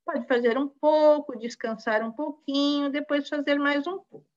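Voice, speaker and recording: A woman with a Brazilian Portuguese accent teaching a recorded lesson to children, slow and patient, encouraging, full of diminutives. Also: sits high, fairly even intonation, muffled recording. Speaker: primary school teacher.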